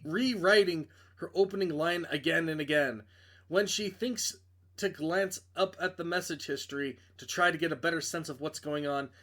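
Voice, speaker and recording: This game streamer has a fairly high, bright voice with a forceful tone. Narrating his playthrough, he performs the story text dramatically but keeps tripping up and cutting away for casual, blunt commentary.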